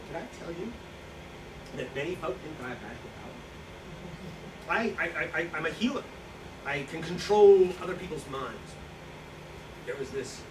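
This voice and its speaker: In a staged play reading, an actor voices a boastful, hard-drinking Slovak profiteer who calls himself an outlaw, bragging through a monologue-like recollection that rambles, justifies itself, and loses its thread. His male voice is high-pitched, pushed and bright. The indoor reading was captured by a distant microphone, so the room sounds echoey and noisy.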